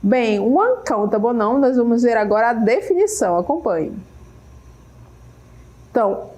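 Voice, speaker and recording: A slow, patient Brazilian woman teaches English with a Brazilian Portuguese accent and a fairly high, slightly mellow voice. She gives a careful classroom explanation, saying each English word several times and tacking on "né?". She's recording in a studio in a state school's media center.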